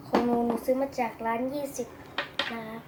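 A woman's voice: a little high, level tone, brisk, heavy background noise. A female speaker presenting a casual product review, politely addressing viewers. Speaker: toy reviewer.

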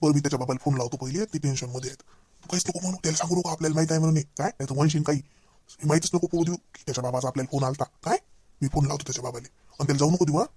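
A man acting in a comedy sketch, talking in an excitable, agitated way. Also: a little high, breathy edge, no room sound. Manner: excitable, agitated, rapid-fire scolding and pleading.

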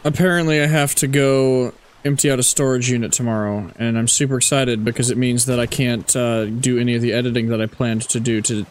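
A man's voice: mid-range voice, fairly even intonation, brisk, few pauses. A man streaming gameplay with casual chat, talking in a playful, sweary way. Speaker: gaming streamer.

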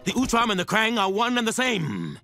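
A man's voice: sits high, huge pitch swings, a little fast, vocal fry, heavily acted. A man doing a haughty alien soldier. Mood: scornful. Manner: stiff, formal. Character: haughty alien Krang soldier, cold and scornful. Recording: loud game music behind.

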